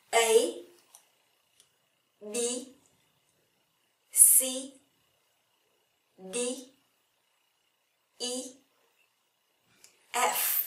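A woman with a Vietnamese accent teaching English letters, repeating each word slowly and drawing it out. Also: on the high side, sharp tone, reverberant, recorded from a distance. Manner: slow, drawn-out repetition of each letter and word. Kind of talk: slow spoken English lesson.

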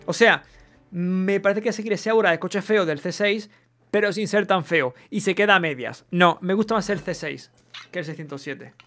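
A man's voice: sits high, moderate pace, a bit bright. Chatty streamer man. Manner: chatty, swears casually, reads chat aloud. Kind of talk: casual live gameplay chat.

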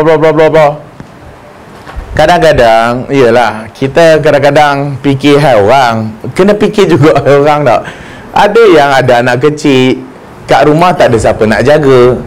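A man giving a lively, joking religious lecture and acting out the voices he quotes. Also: fairly high pitch. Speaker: religious teacher. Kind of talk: humorous mosque lecture.

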